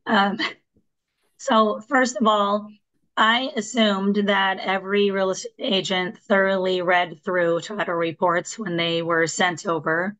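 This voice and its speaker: Hoarse woman, real estate presenter, hesitant, many ums and restarts, average pitch. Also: fairly even intonation, measured pace, fairly bright tone, rough recording. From Washington state. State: losing her voice. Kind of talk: online meeting presentation.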